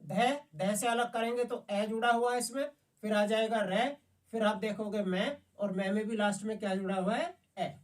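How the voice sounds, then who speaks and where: A woman's voice: mid-range voice, normal speed. Patient woman teacher, distant mic. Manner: patient, repeatedly checks if students understood. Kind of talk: classroom lesson.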